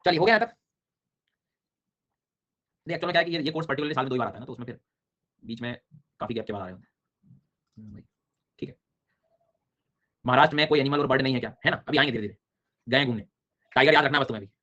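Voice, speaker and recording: A man teaching an online exam-prep class in speech, energetic and coaxing, with frequent repeated memory drills. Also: medium pitch, racing, pauses often, lo-fi sound.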